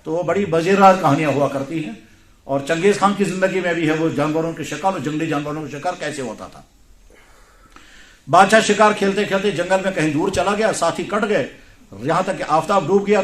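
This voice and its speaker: A man preaching a sermon, telling stories with lively voiced dialogue and a Pakistani Urdu accent. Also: on the high side, echoey room. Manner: animated storytelling with voiced dialogue. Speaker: Islamic scholar and preacher. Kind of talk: sermon with storytelling.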